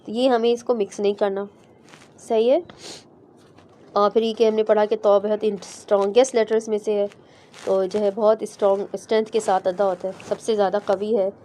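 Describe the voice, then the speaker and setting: A woman teaching Quran recitation in a class, patiently explaining letters step by step and sounding them out slowly. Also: mid-range voice, flat delivery, warm tone. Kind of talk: online class explaining pronunciation.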